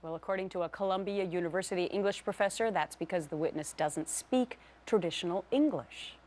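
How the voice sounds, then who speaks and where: A woman's voice: on the low side, a little fast, darkish tone. A woman presenting a morning TV news segment and putting questions to guests as the host.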